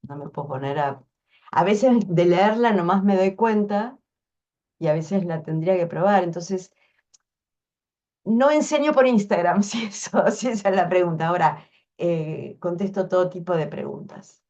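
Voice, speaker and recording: Lowish voiced woman explaining stuff on a muffled video call, frank and chatty. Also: lively intonation, normal speed, dark tone. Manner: frank, explanatory, thinks aloud with restarts. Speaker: workshop instructor answering questions. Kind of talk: casual online Q&A.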